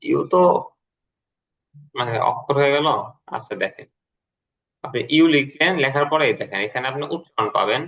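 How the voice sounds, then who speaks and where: Bright-voiced patient male English teacher. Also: mid-range voice, lively intonation. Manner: patient, repeats key words slowly. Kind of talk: explaining a lesson to a student.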